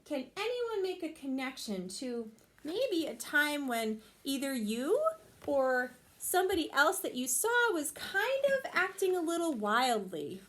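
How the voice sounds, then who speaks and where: A woman teacher reading a picture book aloud to her class and explaining the lesson, with expressive storytelling. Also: high voice, a little slow.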